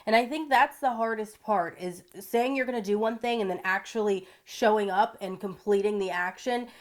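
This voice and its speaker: A woman's voice: mid-range voice, moderate pace. Congested woman giving a blunt pep talk. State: congested and sick. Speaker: motivational vlogger. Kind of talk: motivational talk to camera.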